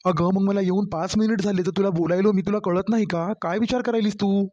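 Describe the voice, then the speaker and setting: Irritable cartoon husband with a Marathwada Marathi accent, played by a man, flat, slightly high, dull lo-fi sound. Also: fairly quick, natural voice. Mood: irritated. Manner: irritated, complaining. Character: irritable young husband back from office. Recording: dull lo-fi audio.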